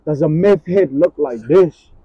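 A young man in his twenties co-hosting a podcast, telling stories in slangy, animated casual chat. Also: fairly high pitch, unhurried, husky, dry recording, highs cut off. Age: 20s. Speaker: podcast co-host.

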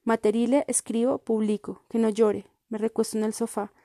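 A woman reading a first-person literary story in a calm, measured way. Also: a little high, dry recording, studio quality. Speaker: reader.

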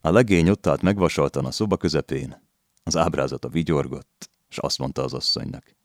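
A deep, low male voice reads a novel aloud at a measured storytelling pace. The sound is dry and very close, with no room around it. It is a plain, steady audiobook narration. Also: no echo. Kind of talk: literary audiobook reading.

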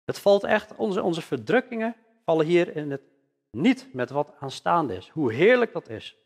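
A man's voice: fairly high pitch, big pitch swings, a little slow. A man preaching a sermon in earnest, emphatic style, leaning hard on key words. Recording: long hall reverb.

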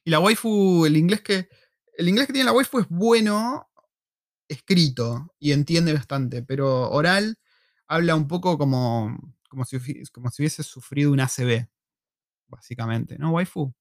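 An Argentine host with an Argentine Spanish accent runs a live, casual chat from home into a desk microphone, joking, slangy, and telling stories with lots of animation. His voice is fairly high and moderately paced, and the recording is dry and studio quality.

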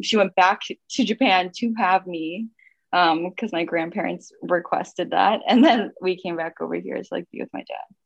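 A young woman from Missouri, United States, reflects on her life as a guest in a casual interview, relaxed and sprinkling in plenty of "um" and "like." Her voice sits on the low side, and the recording is muffled with no room sound.

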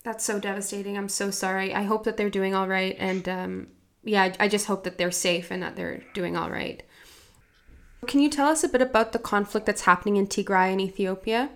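Female interviewer, soft and gentle delivery. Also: mid-range voice, fairly even intonation, fairly quick. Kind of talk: interview questions.

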